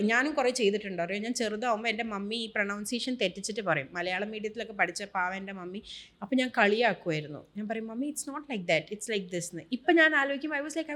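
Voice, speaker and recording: A woman from Kerala with a Malayali accent, speaking as a guest on a casual podcast. She is animated and emphatic, moving freely between Malayalam and English. Her voice sits slightly higher than most women's. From Kerala, India.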